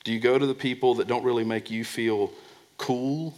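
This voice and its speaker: A pastor delivers a sermon at normal speed with fairly even intonation, pressing his points and sinking to a soft, low voice on key words. He often repeats words as he starts a phrase over.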